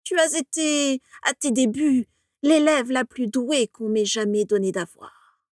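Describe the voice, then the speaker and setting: Voldemort, a woman voicing a cold scornful dark lord. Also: high voice, fairly even intonation, no echo, studio quality, voice pushed up. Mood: contemptuous. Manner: slow, cutting, disdainful.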